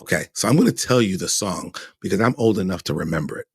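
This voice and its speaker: Low husky-voiced man hosting a podcast. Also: lively intonation, quick pace, dry recording, clean studio sound. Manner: chatty, meandering, opinionated. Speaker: podcast host. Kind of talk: casual commentary.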